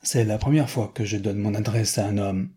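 A man's voice: on the low side, steady tone, normal speed, dark tone, slightly rough. A man reading aloud, voicing a sly, coquettish young woman copyist who bargains teasingly.

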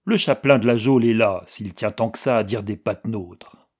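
A man's voice: lowish voice, moderate pace, a little mellow, husky. A man voicing a brutal, rude police chief who barks curtly, in an audiobook reading. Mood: scornful. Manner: curt, barking.

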